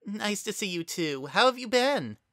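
A narrator doing a proud young pony mare, high and sharp. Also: female voice, big pitch swings, normal speed, dry recording, clean studio sound. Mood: anxious. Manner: defensive, sharp-tongued. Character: young female pony unicorn student, proud and prickly.

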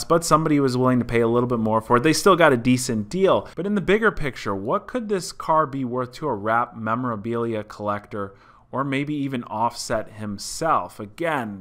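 A man's voice: mid-range voice, a bit bright. A man in his thirties hosting a car channel, talking viewers through a story in a chatty, explanatory way from a room indoors. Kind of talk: casual vlog commentary. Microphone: desk mic in front.

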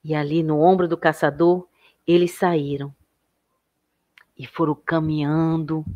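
A Brazilian woman educator telling a children's story in a gentle, expressive way. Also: low-pitched, a little slow, highs cut off.

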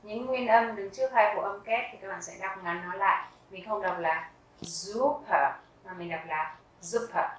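A woman teaching a vocabulary lesson, reading each word twice slowly and carefully and explaining how to pronounce it. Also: medium pitch, steady tone, a bit bright, reverberant, recorded from a distance, a little hiss or hum, low-quality recording. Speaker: German teacher. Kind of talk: slow vocabulary lesson with pronunciation drills.

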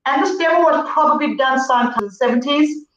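A woman's voice: sits high, fast talker, faint music behind. A middle-aged woman from Zambia chats as a guest over a video call, rambling through stories with plenty of fillers. Her voice comes from a distance in a roomy space, and the audio sounds dull. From Zambia, grew up in Zimbabwe. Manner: chatty, storytelling with many fillers. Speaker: guest singer. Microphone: distant laptop mic on video call.

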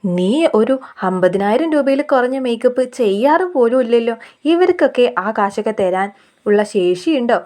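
A woman's voice: on the high side, animated, moderate pace, a little mellow, lightly acted. A Malayali woman reading out the lines of a haughty, rich middle-aged mother-in-law who sneers at poor people. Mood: scornful.

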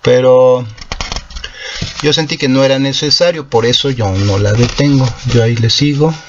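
Following his sung cover, this guitar-channel host rambles through a casual explanation, often correcting himself amid plenty of fillers. He speaks at a moderate pace with a medium pitch; the highs are cut off, and there's slight background noise along with acoustic guitar.

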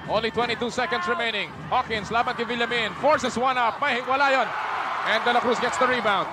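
A man calling a live basketball game play by play, excitable and mixing English with Tagalog. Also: very high voice, a little fast, very noisy. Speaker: play-by-play announcer. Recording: archival broadcast over loud arena crowd. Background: roaring arena crowd.

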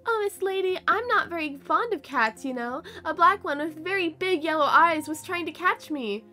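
A woman voicing a small, timid male rat in a game, speaking formally and gently. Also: extremely high pitch, expressive, moderate pace, voice pushed up, heavily acted. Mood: polite.

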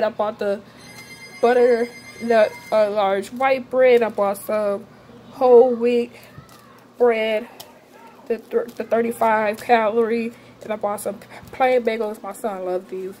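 A woman's voice: fairly high pitch, noisy background. A young woman vlogger casually walking through her grocery haul in her kitchen, chatting to viewers with fillers and "y'all", filmed on a handheld phone. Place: home kitchen, indoors.

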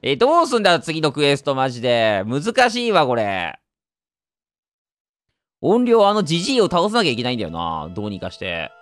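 Kansai-accented male game commentator, chatty and wry, fairly high voice with very lively pitch. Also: brisk, dry recording, clean studio sound. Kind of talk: let's-play commentary.

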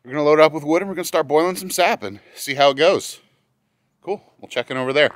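A man in his thirties, outdoors in a snowy yard, casually explaining a homestead task step by step in a relaxed, thinking-aloud way. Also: fairly high pitch, fast talker, heavy background noise. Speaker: homesteader vlogger. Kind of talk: casual how-to narration. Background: background music.

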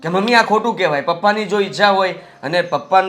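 An earnest obedient young son. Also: male voice, high voice, fast, fairly bright tone, soft background music. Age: young adult. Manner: pleading, earnest, respectful. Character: obedient young son working in family office.

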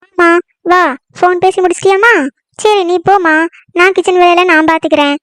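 A woman's voice: very high-pitched, steady tone, brisk, a bit bright, no room sound, studio quality. A woman voicing a scheming village mother-in-law in a cartoon, who talks meek and soothing but makes sly asides. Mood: falsely meek. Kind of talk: cartoon comedy voice acting.

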